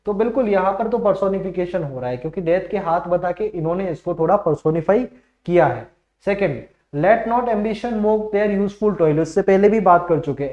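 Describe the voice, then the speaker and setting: A high-voiced man with a dark, mellow tone explains exam questions as a tutor, slowing right down to read each example aloud. The sound is dull and echoey, like a room recording. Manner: explains in Hindi, reads English examples slowly. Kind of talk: exam-prep lesson.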